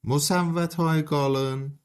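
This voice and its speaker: A man giving a spoken language lesson, slowly drawing out single sounds and words as examples. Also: a little high, steady tone, clean tone. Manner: slow, drawn-out pronunciation of single sounds and words. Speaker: language teacher.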